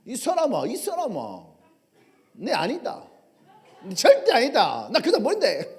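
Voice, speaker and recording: A pastor voicing a panicked fisherman who loudly denies knowing anyone, in a Gyeongsang dialect. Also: very high-pitched, wildly swooping pitch, unhurried, full character voice. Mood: blustering denial. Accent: Gyeongsang dialect, put on. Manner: blustering, laughing denials. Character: panicked fisherman denying, coarse regional dialect.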